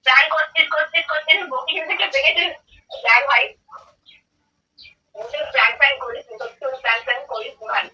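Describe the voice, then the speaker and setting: On a dull, distant phone line, a young woman targeted by a prank call speaks quickly in a high, sharp voice, pausing often, with slight background noise. Her casual talk is questioning and insistent, full of repetition.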